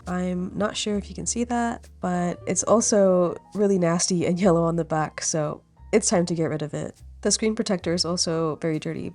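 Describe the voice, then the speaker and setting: Her voice sits on the low side and is a little mellow, though the cold she has makes it stuffy and nasal. This young vlogger narrates a casual voiceover into a studio mic, chatting easily and laughing as she goes.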